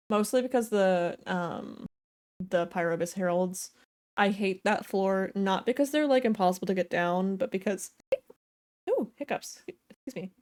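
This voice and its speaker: A woman's voice: medium pitch, darkish tone. A young woman streaming a game, chatting casually and giggling as she talks to her chat. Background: faint game music.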